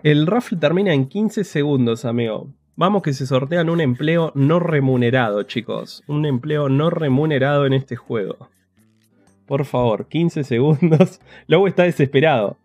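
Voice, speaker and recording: A man's voice: fairly high pitch, lively intonation, normal speed, a little mellow, no room sound, faint music behind. Man, Rioplatense accent, livestream gamer, playful banter, dry booth sound. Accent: Rioplatense Spanish. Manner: joking, chatty, addresses chat often. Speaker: streamer. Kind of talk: casual livestream gameplay commentary.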